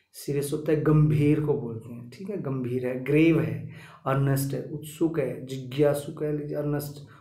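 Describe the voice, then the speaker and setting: In an echoey room, a man with a fairly high but darkish voice and vocal fry runs a vocabulary lesson. He drills every word repetitively, saying it several times with "ठीक है" and checking in with his listeners along the way.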